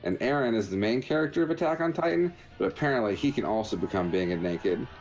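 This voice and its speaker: Speaking quickly with lively intonation, this podcast host reviews a video game over gameplay footage, joking and meandering as he explains. His mid-range voice is a little mellow. Soft music plays in the background, and the recording is rough.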